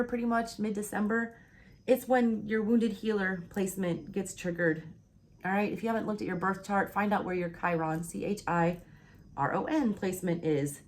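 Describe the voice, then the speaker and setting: A woman with a Southern US accent giving a blunt, casual tarot reading, swearing freely and checking in with "all right?" while hiccuping. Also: on the low side. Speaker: tarot reader.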